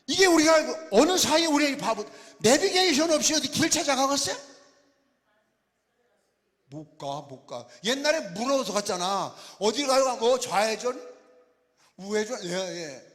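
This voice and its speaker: A man's voice: very high voice, very animated, a little slow, long pauses, fairly bright tone. An older man from Chungcheong, Korea, a pastor preaching a revival sermon in a folksy, teasing way and quizzing his congregation. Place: large church sanctuary. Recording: long hall reverb.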